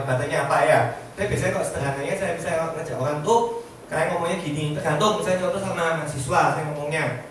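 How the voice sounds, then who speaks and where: A man's voice: high voice, slight background noise. A man giving a chatty motivational sharing talk to a small group, constantly asking the audience questions. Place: meeting room with a small audience. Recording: echoey room heard from a distance.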